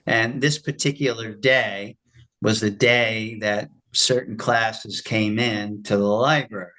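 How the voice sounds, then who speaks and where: A man's voice: on the low side, slow, poor audio. Retired-teacher-style man telling stories. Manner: animated storyteller, acts out quoted voices. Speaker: lecturer leading a spiritual class. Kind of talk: casual storytelling after a lecture.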